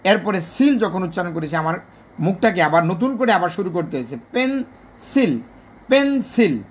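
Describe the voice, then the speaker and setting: A teacher with a Bangladeshi Bengali accent gives a spoken video lesson. The teacher is patient and repeats points, stretching example words out slowly syllable by syllable. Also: medium pitch, lively intonation, husky. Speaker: English teacher.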